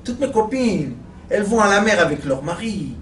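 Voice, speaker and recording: Brief: a man voicing a grumbling wife, low and quiet, heard from afar in an echoey room. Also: expressive, normal speed, a little hiss or hum. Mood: reproachful. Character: sulking wife of a fisherman, complaining. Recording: echoey room, mic far off.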